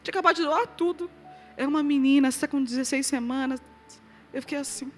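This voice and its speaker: A Brazilian woman with a high voice and a Brazilian Portuguese accent gives a lively testimony from the pulpit. Her story rises to loud, high exclamations and drops to soft, quiet asides. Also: fast talker, faint music behind. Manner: animated storyteller, swings loud and soft, laughs along. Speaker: preacher. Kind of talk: testimony to a live audience.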